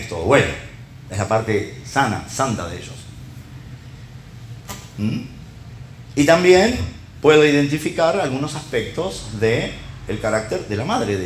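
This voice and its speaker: A man's voice: mid-range voice, a little hiss or hum. A middle-aged man preaching in Rioplatense Spanish, his voice swinging up and down as he talks. He keeps asking his listeners rhetorical questions and checking in with them. The sound rings around a roomy church hall. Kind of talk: conversational sermon.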